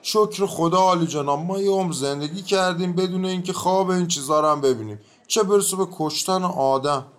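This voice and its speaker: A man's voice: high voice, few pauses, lightly acted. An actor playing a stubborn, evasive peasant man on trial, talking in a rustic, grumbling way in a radio drama. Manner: rustic colloquial speech, grumbling and mumbling.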